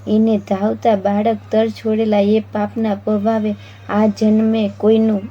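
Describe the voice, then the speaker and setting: Woman reading Shiva, calm and commanding. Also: medium pitch, unhurried, lightly acted. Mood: instructive. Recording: dull lo-fi with faint noise.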